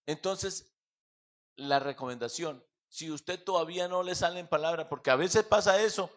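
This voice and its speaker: A fervent male preacher with a Colombian accent, speaking in a church in a fairly high voice. His delivery surges in volume and then sinks to near-murmurs as he preaches and prays. He addresses the listeners as brothers. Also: normal speed. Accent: Colombian Spanish. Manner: fervent, swelling and fading in loudness. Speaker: pastor. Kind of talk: sermon and closing prayer.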